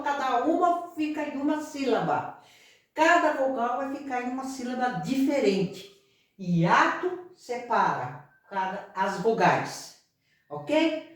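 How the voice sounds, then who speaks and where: A Brazilian woman teaching a grammar lesson, explaining slowly, repeating herself and often checking that the class follows. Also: fairly high pitch. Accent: Brazilian Portuguese. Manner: explains slowly with frequent check-ins and repetition. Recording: echoey room, voice far from mic.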